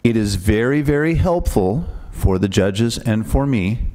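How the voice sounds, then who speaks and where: A man's voice: medium pitch, lively intonation, measured pace, warm tone. A man acting as pronouncer who patiently explains the rules to young spellers before a spelling bee, speaking into a microphone and often checking in with "okay?".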